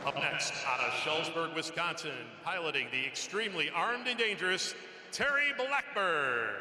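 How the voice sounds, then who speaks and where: Guy doing tractor pull announcer, big showy intros, really up and down pitch, echoey noisy arena pa. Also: animated, normal speed, bright, forceful tone. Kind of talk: live arena announcing of a competitor lineup. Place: large indoor arena.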